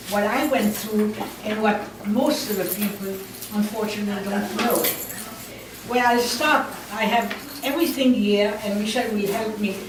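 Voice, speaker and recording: An elderly woman from France telling her life story to an audience in slow, measured speech. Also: mid-range voice. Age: older. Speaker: guest speaker. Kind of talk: personal testimony talk. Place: large room. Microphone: handheld mic. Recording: echoey hall from far off, with noise.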